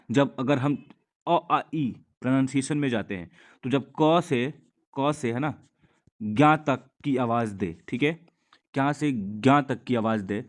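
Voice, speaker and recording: A man's voice: medium pitch, a little mellow. A man teaching English grammar, patiently asking and answering his own questions as he explains. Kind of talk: grammar lesson in Hindi.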